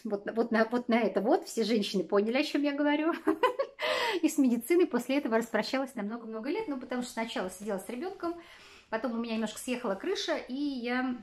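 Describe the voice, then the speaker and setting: A woman in her forties from Russia talks casually to a camera set close in front of her, in a slightly high voice. She rambles along with many fillers and little laughs, recorded in a small wood-panelled room. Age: 40s. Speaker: vlogger.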